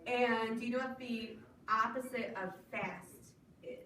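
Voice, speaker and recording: A woman librarian leading a children's storytime with rhymes and songs, in an animated, encouraging sing-song manner. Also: fairly high pitch, a little slow. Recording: echoey room from far off, audible noise.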